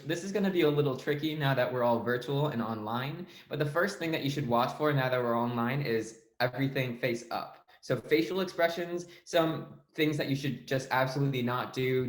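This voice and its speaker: A man's voice: mid-range voice, moderate pace, hardly any pauses, reverberant. A young man teaching debate speech delivery in an online lesson, explaining in a casual tone with frequent fillers. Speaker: debate coach.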